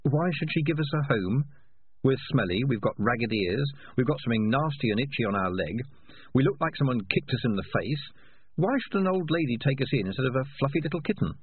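A man's voice: mid-range voice, lively intonation, fairly quick, husky, no echo, phone-quality sound, voice pushed up. A man doing a sarcastic nagging conscience. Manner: sarcastic, needling. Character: a cat's nagging inner conscience, dry and needling.

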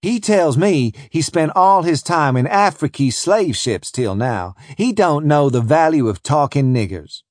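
A man's voice: on the high side, expressive, measured pace, few pauses, a little mellow, dry recording, clean studio sound, voice pushed up. Man doing a bragging trader. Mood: scornful. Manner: blunt, bragging, folksy. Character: hard-bitten Southern slave trader, proud man.

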